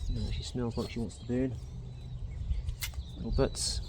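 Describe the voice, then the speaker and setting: A man's voice: medium pitch, level tone, a little slow. A laid-back man with a broad New Zealand accent, chatting casually in slangy speech while he does a task as an outdoor vlogger. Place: outdoors, rural. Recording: outdoors with clear background nature noise.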